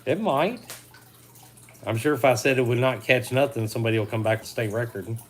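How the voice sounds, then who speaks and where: A man's voice: mid-range voice, a little fast. A man chatting casually and teasing while tying fishing jigs on a livestream in his garage. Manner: dry, teasing, folksy. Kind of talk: casual chat while working. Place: home garage.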